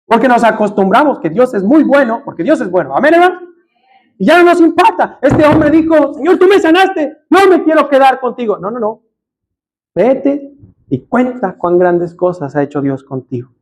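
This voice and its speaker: A man with a Mexican Spanish accent preaches a sermon with a strikingly high voice. His delivery is emphatic, and he keeps turning to the congregation and calling them brother. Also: big pitch swings, moderate pace, low-quality recording. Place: church.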